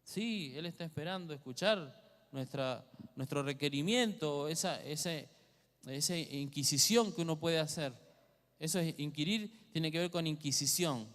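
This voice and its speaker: A man with an Argentine Spanish accent preaches a teaching sermon in a church hall, asking the congregation questions as he goes. His voice is on the high side, a little slow, with a fairly bright tone, and long hall reverb surrounds it.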